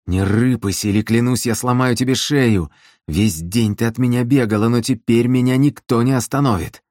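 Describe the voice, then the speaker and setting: A furious young man, as a male narrator puts him on, growling and hissing with cold menace. The voice sits very low and deep, in a close, dry reading for an audiobook. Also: takes it slowly, darkish tone, dry recording.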